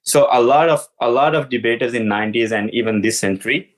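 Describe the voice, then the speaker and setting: A man from Pakistan hosts a podcast interview. He asks his questions haltingly, filling the gaps with many uhs. His voice sits at a middle pitch. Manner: hesitant, many filler uhs. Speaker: podcast host.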